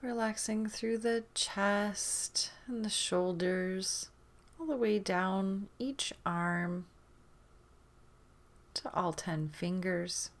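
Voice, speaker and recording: This is a guided meditation led by a woman whose voice sits at medium pitch; she is gentle and soothing and pauses at length between lines.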